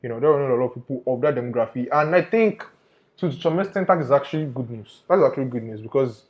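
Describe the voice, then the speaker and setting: A man's voice: medium pitch, lively intonation, fast talker, lo-fi sound. A man giving an informal investigative report to viewers, emphatic and often repeating his phrases. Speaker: undercover investigator presenter.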